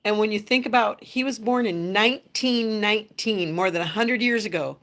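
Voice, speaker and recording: A woman's voice: mid-range voice, moderate pace. A middle-aged woman hosting a family livestream, chatting casually and patiently with her children. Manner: gentle, patient, coaching tone with kids.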